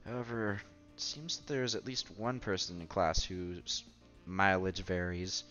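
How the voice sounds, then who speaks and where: A man's voice: low-pitched, steady tone, measured pace, bright, forceful tone. A man reading a visual novel aloud, narrating and adding wry comments of his own. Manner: wry asides between narration. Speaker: let's play narrator. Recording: slightly dull with music behind.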